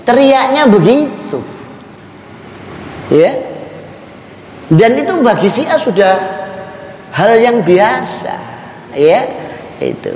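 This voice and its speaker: A middle-aged man, giving a religious lecture, slow and emphatic, asking his audience questions. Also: extremely high pitch, very animated, darkish tone. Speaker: Islamic preacher. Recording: echoey hall recording, faint noise.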